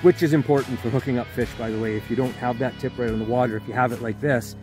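Relaxed male vlog host, outdoors on a lake, explaining tackle, music bed behind. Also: medium pitch, fast. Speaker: fly fishing show host. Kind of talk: casual outdoor vlog talk.

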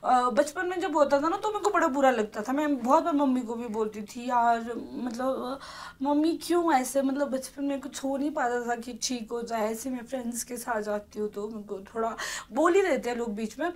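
Young woman in her twenties, podcast guest, high voice, earnest and heartfelt. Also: a little fast, hardly any pauses. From Himachal Pradesh, India. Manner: heartfelt, earnest, near tears at times. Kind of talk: emotional personal chat.

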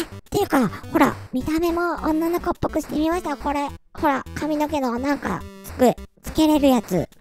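A man's voice: extremely high pitch, pitched above the performer's own voice. A man through a voice changer as a goofy girly VTuber. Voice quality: synthetic, processed sound. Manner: playful, goofy outbursts. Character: cute girly female VTuber persona, playful and silly. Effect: voice changer to a female voice.

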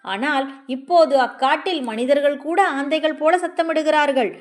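A woman voicing a spirited, quick-tempered young woman who speaks sharply and playfully. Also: sits high, natural voice. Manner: sharp and lively, raising her voice.

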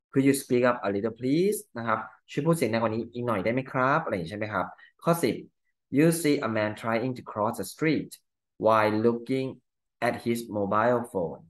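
A male teacher with a Thai accent and a mid-range voice goes through exam answers, reading the English lines slowly and explaining each in Thai.

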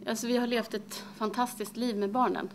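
Actress as a halting, creaky-voiced grieving mother. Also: on the high side, steady tone, slight background noise, close to an everyday voice. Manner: halting, hesitant, many pauses and fillers. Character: grieving mother, middle-aged, recalling her daughter's death. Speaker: actress performing a monologue. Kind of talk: dramatic monologue.

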